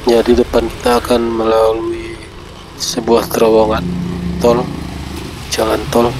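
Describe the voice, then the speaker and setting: Travelling through flooded city streets, this man vlogs to his audience in a medium-pitched, completely flat voice at a measured pace. His nose is stuffy from a cold, yet he chats casually and keeps addressing viewers as "friends" over the outdoor traffic noise.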